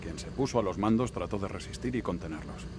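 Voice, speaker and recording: A man's voice: low-pitched, animated, quick pace, background noise. A man playing a hard-nosed marine lieutenant in a video game, firm and terse, with a Castilian Spanish accent. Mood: grim. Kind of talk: dramatic game dub acting.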